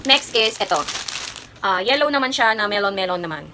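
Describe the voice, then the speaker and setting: A woman's voice: medium pitch, lively intonation, fairly quick, noisy background. A young woman in her twenties with a Kapampangan accent, chatting casually in a haul vlog as she tells a personal story, rambling along with lots of fillers. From Philippines. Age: 20s. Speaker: vlogger.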